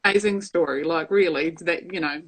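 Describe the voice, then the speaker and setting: A woman's voice: deep voice, a little fast, a little hiss or hum. An Australian woman running a casual interview. She chats easily and responds to her guest with encouragement.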